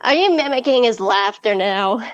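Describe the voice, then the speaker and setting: A woman's voice: fairly high pitch, animated, normal speed, muffled recording. A woman streamer in casual live-stream chat, playful and cooing at her dogs.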